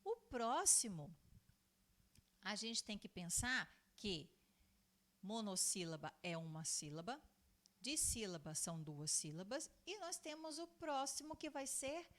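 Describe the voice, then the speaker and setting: Lively-voiced woman teaching children. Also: fairly high pitch. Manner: patient, repetitive, asks and answers her own questions; stretches out words slowly when spelling them out. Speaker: primary school teacher. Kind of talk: recorded lesson for young children.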